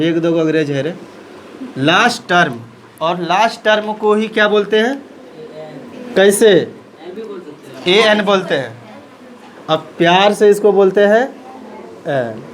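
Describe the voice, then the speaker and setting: A man's voice: high-pitched, a little hiss or hum, low-quality recording. A man teaching a maths lesson in speech, asking questions and answering them himself.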